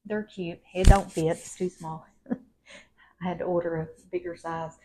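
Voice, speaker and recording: A woman's voice: lowish voice, flat delivery, normal speed, noisy background. A woman, chatting in a rambling, folksy home vlog. She talks straight to her viewers as y'all. She is recorded indoors at home on a clip-on mic. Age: 50s. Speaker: lifestyle vlogger. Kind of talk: casual home vlog chat. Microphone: wired clip-on mic.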